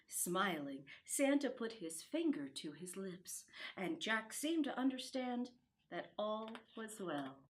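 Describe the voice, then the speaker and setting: A female storyteller reads a children's storybook aloud with expression, using dramatic, deliberate phrasing that sometimes drops to a hush. Her voice sits at a medium pitch.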